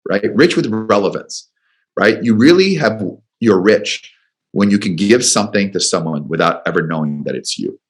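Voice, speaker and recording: A very deep-voiced man holds forth as a radio guest. He tells a rambling story in his own words and slips into quick voices for the people in it. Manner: rambling, animated storytelling with acted quotes. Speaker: business coach guest.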